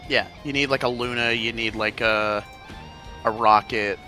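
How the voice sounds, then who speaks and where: A man's voice: lowish voice, moderate pace. A young man talking casually with a teammate during a game, loose and full of filler words. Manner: relaxed, many filler words. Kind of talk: casual gaming chat. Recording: game music under voice.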